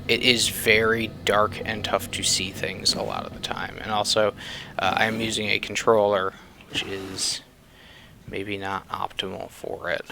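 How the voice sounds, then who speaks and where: Male game reviewer, rambling and casual, low and gravelly, with steady background hiss. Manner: rambling with many fillers, sometimes muttering. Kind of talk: casual let's-play commentary.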